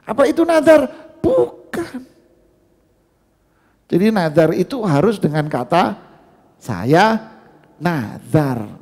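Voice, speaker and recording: Lively, gravelly preacher man in a mosque hall. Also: sits high. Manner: conversational, addresses audience as "Pak", asks and answers questions. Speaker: Islamic preacher. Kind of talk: mosque study-circle lecture.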